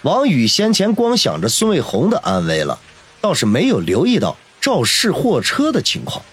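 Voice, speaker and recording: A man narrating a novel in a dramatic, expressive storytelling voice. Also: a little high, moderate pace, husky. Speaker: audiobook narrator.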